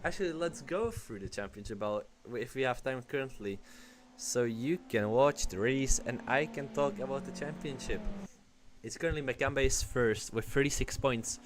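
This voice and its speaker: A man's voice: mid-range voice, moderate pace, slight background noise. Chatty male sim racing commentator. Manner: relaxed, chatty, reads viewer messages. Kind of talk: live race commentary.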